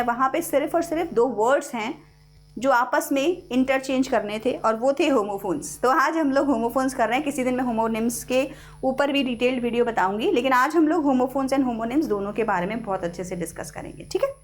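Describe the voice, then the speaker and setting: A woman teacher with an Indian English accent giving an online English lesson, explaining step by step and repeating key words for her students. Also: a little high. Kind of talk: online class lecture.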